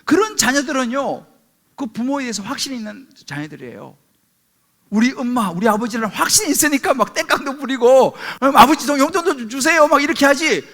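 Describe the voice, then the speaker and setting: High-voiced pastor preaching a sermon, swoops up and down a lot, keeps asking the crowd questions. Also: male voice, very animated, brisk, a bit bright. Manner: emphatic preaching with rhetorical questions, calls for amen.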